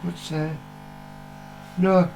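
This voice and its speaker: Very slow and flat, the high, gravelly and slightly mellow voice belongs to an older British man, the vlogger's father, who chats casually and gives blunt, plain-spoken opinions. He swears and repeats himself for emphasis, with faint music behind.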